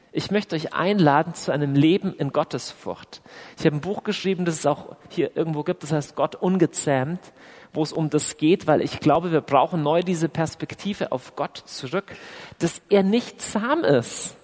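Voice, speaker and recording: A man preaching a sermon to a congregation, urging them directly, sometimes loud and emphatic, sometimes quiet and solemn. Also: high-pitched. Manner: addresses the congregation directly and warmly. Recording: long hall reverb.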